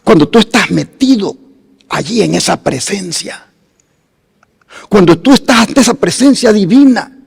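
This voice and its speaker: Slow gravelly preacher in a reverberant hall. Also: male voice, sits high, lively intonation. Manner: slow, dramatic preaching with wide swings between loud emphasis and hushed phrases. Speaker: pastor. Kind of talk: sermon.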